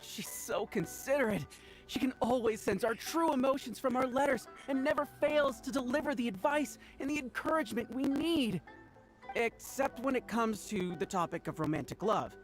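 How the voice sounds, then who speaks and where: An adoring young fan-club member from a video game, gushing about her idol, as a woman acts her out. Her voice is high-pitched. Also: expressive, moderate pace, faint music behind, close to an everyday voice.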